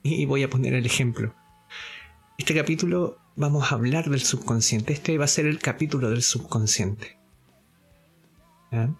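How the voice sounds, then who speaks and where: With faint music behind him, a male course teacher walks through a lesson one step at a time, frequently making sure his audience understands. His medium-pitched voice has a breathy edge. He's deliberate but hesitant, leaning on fillers and self-repeats.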